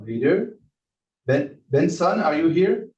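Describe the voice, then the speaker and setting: A man's voice: fairly high pitch, big pitch swings, darkish tone. Distant man leading an online class. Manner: halting, friendly, many restarts. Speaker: course lecturer and host. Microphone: video call. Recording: distant, roomy, dull video call audio.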